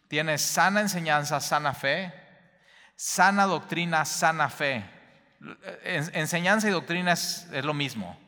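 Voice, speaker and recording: A man's voice: on the high side, bright, forceful tone, in a large hall. A man preaching a Bible teaching sermon, speaking straight to the listener and repeating key phrases for emphasis.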